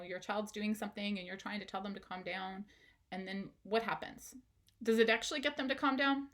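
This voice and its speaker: A woman's voice: medium pitch, fairly bright tone. A woman, a parenting educator, giving an instructional talk straight to the viewer, asking questions and encouraging them.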